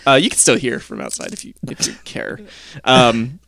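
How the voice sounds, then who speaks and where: A man's voice: mid-range voice, huge pitch swings, normal speed, gravelly, fairly bright tone. A man acting as game master, narrating casually with hesitant, improvised phrasing.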